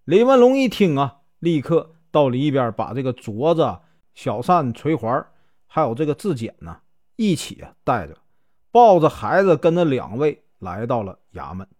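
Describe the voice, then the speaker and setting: A man telling a folk tale with a Northeastern Mandarin accent, chatty and full of drawn-out fillers. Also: medium pitch, big pitch swings, a little mellow. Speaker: storyteller.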